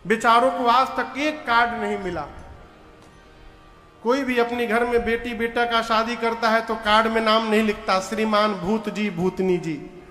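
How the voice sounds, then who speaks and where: Brief: male katha storyteller, high bright voice, slow and dramatic, echoey hall with music under him. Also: steady tone. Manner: dramatic, voices characters, breaks into chant. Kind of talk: devotional story sermon with singing.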